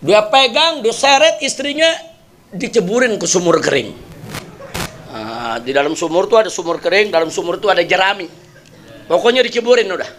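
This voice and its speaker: A male preacher telling a humorous tale in his sermon, animated and often addressing the listeners as brothers. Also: sits high, normal speed, a little hiss or hum.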